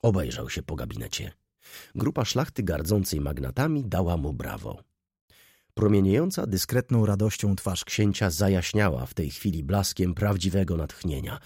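A man narrating a literary audiobook in an expressive way, voicing each character. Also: sits low, moderate pace, husky, dry recording, studio quality.

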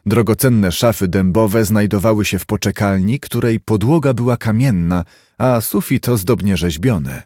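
Male narrator, lowish voice, steady measured reading, dry close recording. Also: dry recording. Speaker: audiobook narrator. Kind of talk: scripted narration.

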